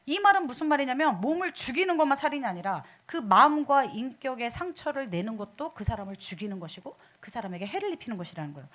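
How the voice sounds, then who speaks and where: A woman's voice: sits high, quick pace, few pauses. A woman preaching a sermon in a church, asking the congregation questions as she goes. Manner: animated, asks the congregation questions.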